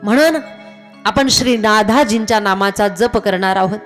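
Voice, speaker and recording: A woman giving a devotional discourse, telling a sacred story in measured tones and chanting verses. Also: medium pitch. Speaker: kirtan speaker. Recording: faint music behind.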